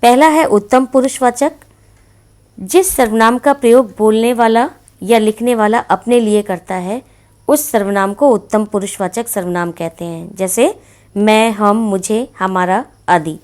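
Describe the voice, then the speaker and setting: A woman's voice: medium pitch, unhurried, darkish tone. A woman teacher giving a grammar lesson to children, patiently explaining with many repeated examples. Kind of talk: classroom-style grammar lesson.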